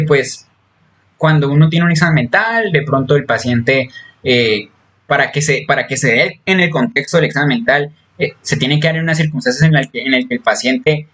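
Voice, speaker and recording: Fillers, restarts and frequent "¿sí?" check-ins mark this man's step-by-step explanations as he gives a recorded psychology class. The lecturer's voice is fairly high in pitch with a slight brightness.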